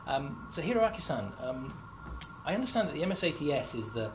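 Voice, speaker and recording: A man's voice: on the high side, big pitch swings, fairly quick. A young man hosting a corporate product interview in a lab, chatty and upbeat with frequent fillers. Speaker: marketing host. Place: company lab, indoors, standing. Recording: lab background noise.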